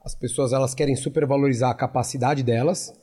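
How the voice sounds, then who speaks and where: A man's voice: medium pitch, steady tone, fast, mellow, slightly rough. A man hosting a casual chat, talking back and forth and laughing while acting out quotes.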